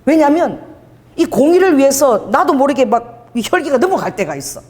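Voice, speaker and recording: A woman pastor delivering a sermon in an animated, conversational storytelling manner. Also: sits high, fairly quick, big-room sound. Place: church hall.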